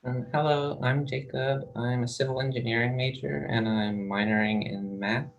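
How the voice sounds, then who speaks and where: A man, an engineering student, giving a low-key introduction in an online meeting. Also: fairly even intonation, normal speed, vocal fry. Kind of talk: casual self-introduction. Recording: dull lo-fi call audio.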